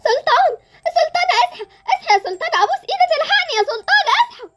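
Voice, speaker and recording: A woman acts out a jittery young Egyptian girl in a Roblox story drama, her voice very high and leaping around. She talks fast and stammers through nervous giggles. Music plays softly under her. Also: sing-song. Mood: frightened. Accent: Egyptian Arabic. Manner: nervous laughter, stammering, frightened. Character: scared excitable young girl, the hero's sister.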